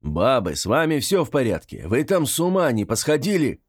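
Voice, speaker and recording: A man voicing a gruff, exasperated man with a hoarse voice, calling through a door. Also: mid-range voice, huge pitch swings, normal speed, voice pushed up.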